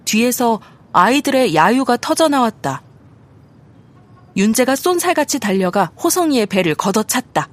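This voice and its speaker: Woman narrating a Korean audiobook. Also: fairly high pitch. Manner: steady, measured storytelling. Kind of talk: scripted narration.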